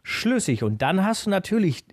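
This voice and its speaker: A man's voice: sits high, sing-song, normal speed, slightly rough, dry recording. A man co-hosting a podcast in a casual chat, musing and reflecting with a slightly hesitant delivery. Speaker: podcast co-host.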